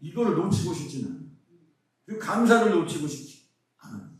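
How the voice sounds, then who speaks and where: Middle-aged man from Seoul, pastor, animated preaching voice, fairly high, heavy echo from a distant mic. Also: fast talker. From Seoul, South Korea. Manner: lively preaching with rhetorical questions. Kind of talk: conference sermon. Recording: very echoey hall, mic far off.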